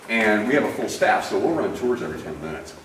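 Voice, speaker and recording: Male tour guide, informal and explanatory, expressive intonation, heavy cave echo, slightly distant with faint noise. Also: lowish voice, fast. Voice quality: voice echoing in a cave. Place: inside a limestone cave.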